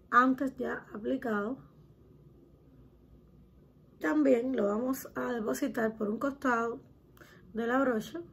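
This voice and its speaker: A woman's voice: a little high, creaky, a little hiss or hum. A young woman hosting a step-by-step makeup tutorial, talking in a chatty way to her viewers and using lots of diminutives. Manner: chatty, addresses viewers as girls, uses many diminutives.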